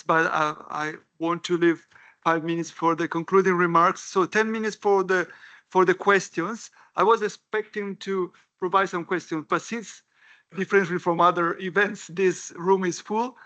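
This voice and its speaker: A man's voice: high-pitched, bright, forceful tone, muffled recording. A man moderating a conference panel, polite and chatty with some hesitations. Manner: polite, chatty, a bit halting.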